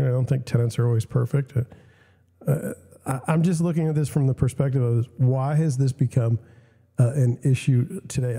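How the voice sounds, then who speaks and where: A young man hosting casual commentary with a scratchy, coughing voice. His tone is very dark and mellow, and it rings with a long reverb, as if he is recording in a hall. He gives blunt opinions and often stops to restart his sentences. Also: mid-range voice, gravelly. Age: young adult. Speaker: host. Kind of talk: casual commentary reading news and questions.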